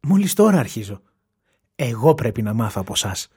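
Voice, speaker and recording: A man's voice: mid-range voice, breathy edge, voice pushed down. A man voicing an eager, earnest young male seagull in an audiobook. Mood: modest. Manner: eager, excited. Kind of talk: audiobook reading.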